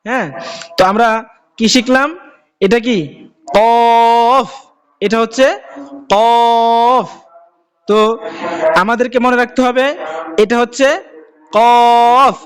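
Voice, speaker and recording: A man's voice: extremely high pitch, fairly even intonation, a bit bright. A man teaching a Quran class, explaining how to say Arabic letters and drawing out each letter name for practice, with a Bangladeshi Bengali accent. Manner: drawn-out, repeated letter names for practice.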